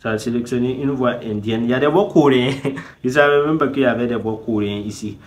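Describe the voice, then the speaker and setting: Quick and chatty, a man with a mid-range voice guides viewers through a website in a casual YouTube screen-recording tutorial. He repeats "tout simplement" constantly and talks directly to his audience, teasing them to subscribe.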